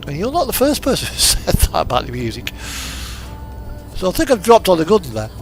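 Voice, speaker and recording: A livestreamer plays a truck driving simulator and chats with viewers, his commentary easygoing and rambling. He speaks briskly in a high-pitched voice that swings hugely in pitch, and the low-quality recording carries background music and the game's truck engine.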